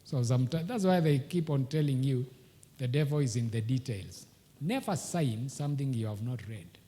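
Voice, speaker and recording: A man's voice: medium pitch, expressive, moderate pace, dark tone, big-room sound. A man, a pastor preaching a sermon at a live church service. He speaks emphatically and asks rhetorical questions, then answers them himself.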